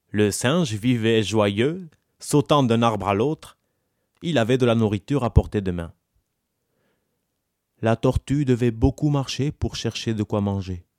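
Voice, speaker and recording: A man narrating a folktale in a slow, expressive storybook manner. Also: fairly low pitch, no room sound, clean studio sound.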